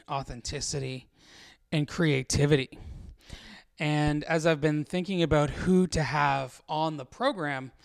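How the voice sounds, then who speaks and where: A man's voice: on the high side, creaky. A man, a pastor hosting a podcast, praying earnestly and then introducing his guest.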